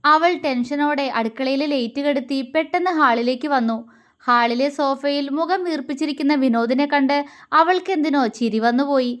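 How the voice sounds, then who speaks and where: A woman storyteller reading a romance novel aloud in a calm, even manner. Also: high-pitched, normal speed.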